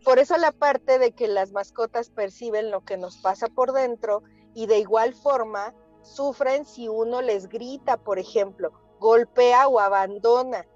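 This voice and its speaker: A woman, a therapist guest chatting on a talk show and telling lively anecdotes that she acts out. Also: on the high side, measured pace, highs cut off, soft background music. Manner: animated storyteller, acts out quotes. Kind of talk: casual talk show chat.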